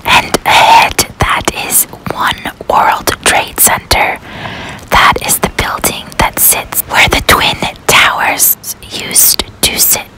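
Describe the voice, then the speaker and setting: A woman's voice: slow pace, poor audio. A woman whispering ASMR commentary with dry humor while riding a subway train. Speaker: host.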